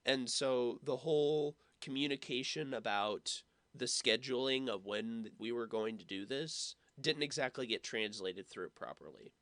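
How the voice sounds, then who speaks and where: Male watch party host: casual commentary, forceful mid-range voice, dry close sound. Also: medium pitch, a little slow, hardly any pauses, dry recording. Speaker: watch party host, former production team member.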